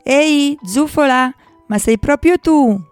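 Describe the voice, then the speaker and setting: Woman playing a restless little inventor animal, eager shouty storybook voice, slow delivery, faint music behind. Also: mid-range voice, no echo, natural voice. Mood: excited. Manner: eager, exclamatory. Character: excitable male woodland inventor animal. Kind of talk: children's storybook reading.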